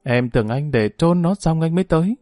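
A man voicing a resentful, sharp-tongued young woman in an audiobook story, speaking in a sarcastic and reproachful way. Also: medium pitch, lively intonation, fairly quick, no echo, studio quality, faint music behind, close to an everyday voice.

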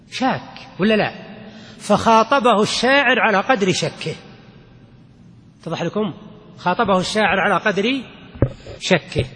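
An older sheikh lectures his students, explaining patiently and checking that they follow. His voice sits high for a man and sounds a little husky. The long reverb of a lecture hall trails after every phrase. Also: a bit bright. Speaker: sheikh teaching rhetoric. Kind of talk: classroom lesson on a classical text.

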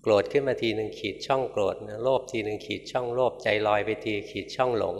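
A man, a Buddhist monk, giving a Dhamma talk in a conversational, gently humorous storytelling manner. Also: lowish voice, steady tone, fast. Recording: reverberant hall with faint noise.

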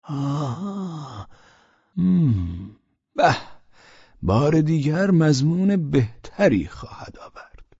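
A frail, good-natured old man , voiced by a male reader, talks slowly in a faint, wavering voice. The tone is husky and a little breathy, on a dull, lo-fi storybook recording. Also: mid-range voice, sing-song, darkish tone, dry recording. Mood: baffled. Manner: slow, faint, wavering delivery. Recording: dull lo-fi sound.

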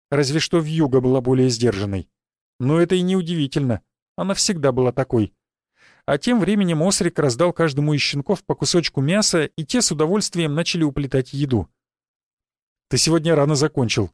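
A man narrates a fantasy audiobook in the first person with a steady, even delivery. His voice sits a bit higher than most men's, and it is recorded close and dry. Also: no echo. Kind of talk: scripted narration of a fantasy novel.

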